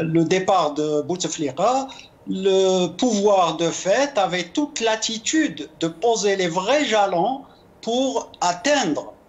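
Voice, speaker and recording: A man speaking as a guest consultant in a political interview, formal and measured with hesitant starts. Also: sits high.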